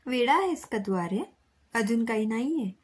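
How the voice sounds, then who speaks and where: A woman voicing a cheerful, teasing young female college student in a storybook reading, with a breathy voice. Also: fairly high pitch, lively intonation, moderate pace, slight background noise, lightly acted. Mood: playful.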